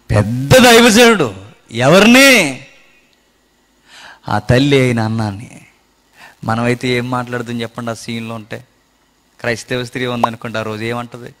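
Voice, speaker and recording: A man preaching a sermon earnestly, swinging from loud exclamations down to low murmurs and urging listeners to listen closely.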